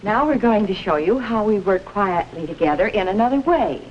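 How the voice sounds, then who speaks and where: A woman with a mid-range, everyday-sounding voice speaks at a moderate pace with lively intonation, and the sound is lo-fi. She plays a kindly, orderly primary school teacher in a 1950s educational film, patiently instructing young children on a noisy, band-limited soundtrack.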